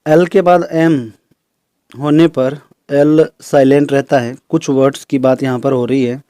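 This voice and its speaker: A man teaching English pronunciation in a recorded lesson, explaining slowly and listing example words one by one. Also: mid-range voice, steady tone, mellow, no room sound. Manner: explains slowly, repeats terms in Hindi and English.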